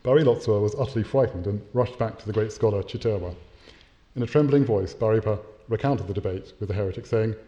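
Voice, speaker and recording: Male academic lecturer, lowish mellow voice, measured delivery with small hesitations, dull lo-fi recording. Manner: measured, with occasional hesitations and self-corrections. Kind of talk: academic lecture with read-aloud story.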